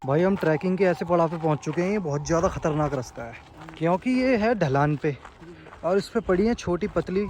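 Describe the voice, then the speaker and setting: A chatty travel vlogger with a slightly high voice talks to a handheld camera as he treks outdoors. He jokes easily and slips into storytelling. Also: animated, fairly quick, loud music behind the voice, rough recording. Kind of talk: casual travel vlog narration. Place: outdoors on mountain trails and by a river.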